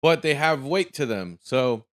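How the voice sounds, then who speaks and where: A man's voice: medium pitch, animated, unhurried. A man giving casual reaction commentary with chatty, rambling asides. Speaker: streamer reacting to a video.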